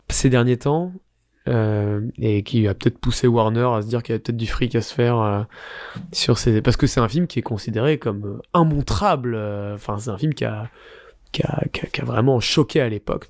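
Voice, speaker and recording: A man's voice: medium pitch, warm tone, no echo. Guy chatting about movies on a podcast, lots of ums and restarts, dry close mic. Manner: rambling, hesitant, many fillers. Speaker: podcast co-host. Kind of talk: casual chat recommending films.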